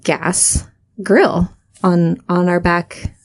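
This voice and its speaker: A woman's voice: lowish voice, little pitch movement, drawn-out words. A woman co-hosting a podcast, telling a story in casual chat with a rambling, filler-heavy manner. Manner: rambling, many fillers and restarts. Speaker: podcast co-host.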